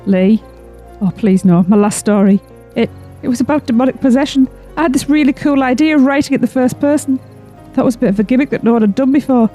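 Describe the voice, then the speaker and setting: A woman playing an anxious young wife, speaking quickly and worriedly. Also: high voice, mellow, soft background music, lightly acted. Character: anxious young wife who fears her writing.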